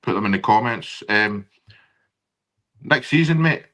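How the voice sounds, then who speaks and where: Thick-accented Scottish man, bright forceful voice. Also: on the low side, expressive, unhurried. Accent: broad Scottish. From Scotland. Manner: informal, matey, colloquial phrasing. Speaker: football podcast host and interviewer. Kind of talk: casual live chat interview.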